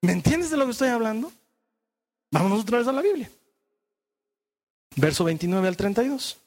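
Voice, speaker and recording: Male preacher with a high voice; questions his flock, then drops to hushed emphasis. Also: very animated. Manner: asks the congregation questions, shifts from brisk to hushed. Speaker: pastor. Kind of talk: sermon.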